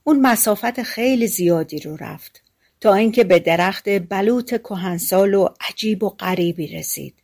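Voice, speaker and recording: A woman narrating a fairy-tale audiobook in a calm, colloquial storytelling manner. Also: mid-range voice.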